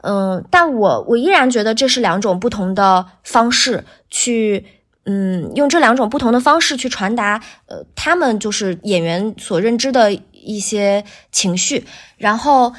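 Her voice is thin, bright, lively and on the high side, and she keeps a measured pace. As a voice actor guesting on a podcast, she chats casually and explains things with animation.

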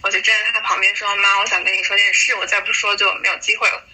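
A woman in her thirties from China slowly telling a personal story over a voice call, pausing and restarting as she recalls it. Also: mid-range voice, level tone, sharp tone, husky, rough recording. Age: 30s. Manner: slow, reflective, hesitant retelling. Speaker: guest sharing a story. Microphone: voice call recording.

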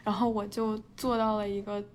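A woman's voice: medium pitch, flat delivery, moderate pace. Young woman, 20s, casual podcast storytelling, frequent laughs, lots of fillers, faint background noise. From China. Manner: laughs often, heavy filler words, mixes in English words. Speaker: podcast co-host.

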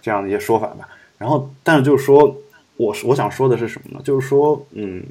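A man's voice: medium pitch, fast, warm tone. A man hosting a podcast, talking through his views in a rambling, reflective way with many fillers and restarts. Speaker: podcast host. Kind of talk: casual podcast discussion.

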